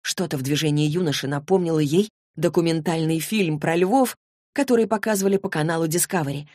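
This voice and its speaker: A woman narrating a fantasy novel as an audiobook, in an even, measured storytelling voice. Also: deep voice, no room sound, clean studio sound.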